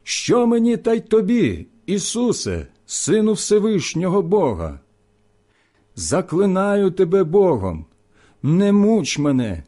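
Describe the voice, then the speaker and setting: A man voicing a tormented man possessed by many demons, crying out loudly and pleading. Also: on the high side, sing-song, slow, husky, full character voice.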